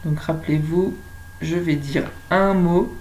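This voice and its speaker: A French woman teaching young children at home, speaking slowly and stretching out words so they can follow. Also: deep voice, steady tone, a little mellow, slight background noise, poor audio. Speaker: kindergarten teacher.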